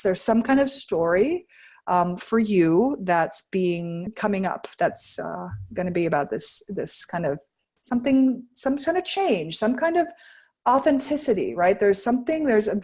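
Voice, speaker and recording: A woman's voice: lowish voice, a little mellow. A woman astrologer talking casually on a podcast, rambling and searching for words, with frequent laughs. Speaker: astrologer guest.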